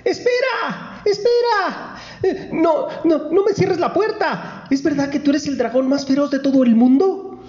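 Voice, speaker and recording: High squealy princess, begging and gushing, roomy lo-fi sound. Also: male voice, a little slow, darkish tone. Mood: pleading. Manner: squealing, pleading. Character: clever excited young princess.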